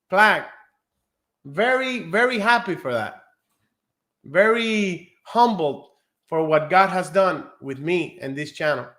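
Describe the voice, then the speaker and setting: With a high-pitched, bright and forceful voice, a Cuban man coaches students live online for their nursing exam. He's earnest and encouraging, deliberately slowing to emphasize key terms.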